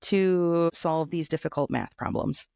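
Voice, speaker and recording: A woman's voice: sits low, unhurried, vocal fry, warm tone, smooth, no echo, studio quality. A woman co-hosting a casual political podcast who speaks in an earnest, plain way. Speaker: podcast co-host and state lawmaker.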